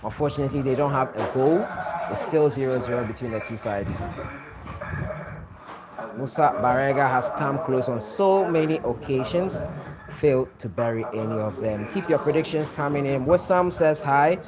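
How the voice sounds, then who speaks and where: Heavy background noise surrounds a man from Ghana with a medium-pitched voice and moderate pace. Hosting a live football watch-along, he works through the chat, greeting viewers by name as he reads what they wrote.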